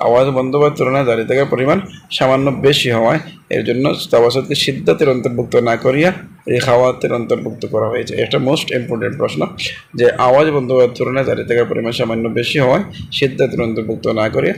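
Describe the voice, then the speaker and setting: A man teaching a Quran recitation lesson. He repeats every point, quizzes the listeners and spells out letter sounds slowly. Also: medium pitch, fairly even intonation, creaky, slight background noise. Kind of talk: classroom lesson.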